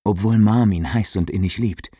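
A man voicing a newly engaged young woman in an audiobook, teasing and a little wary, lifted above his own lower voice. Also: moderate pace, dark tone, husky, no echo, clean studio sound. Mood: hushed urgent.

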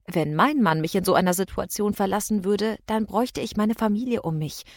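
A woman's voice: mid-range voice, brisk, no room sound, close to an everyday voice. A woman reading an audiobook, voicing a worried, insistent female friend who calls out urgently. She speaks into a close studio microphone.

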